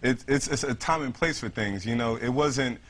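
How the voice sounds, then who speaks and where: A man's voice: mid-range voice, normal speed, a bit bright. A man from New York City answering interview questions as a military veteran, earnest and conversational, often repeating himself. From United States, New York City. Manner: earnest, repeats himself, frequent "you know".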